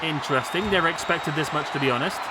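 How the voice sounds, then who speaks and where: Over a noisy crowd, a male YouTuber narrates a simulated wrestling match at a quick pace, his voice a little high, hoarse and fading. He's excitable and keeps bursting into exclamations, with background noise clearly under his voice.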